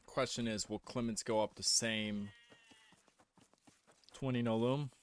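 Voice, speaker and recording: A man giving casual live-stream commentary on a strategy game, relaxed and thinking aloud as he goes. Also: mid-range voice, a little slow, a little hiss or hum. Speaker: game caster.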